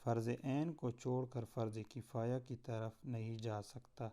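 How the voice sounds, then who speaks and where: A man's voice: mid-range voice, fairly even intonation, dark tone, natural voice. A man voicing a grieving, resolute old cleric. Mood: earnest. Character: devout older male cleric, grieving yet resolute.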